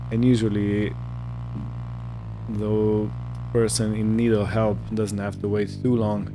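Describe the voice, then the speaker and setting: A male gaming video host with a lowish voice speaks over a noisy background. He casually muses through roleplay gameplay, narrating what he does, as faint vehicle and ambient noises play behind him.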